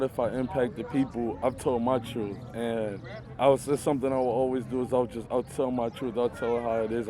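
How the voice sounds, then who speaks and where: Young man talking loosely at a crowded outdoor camp. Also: mid-range voice. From Michigan. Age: young adult. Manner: loose, earnest, lots of fillers. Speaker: college football player and interview guest. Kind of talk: casual interview talk. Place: outdoors at a youth football camp.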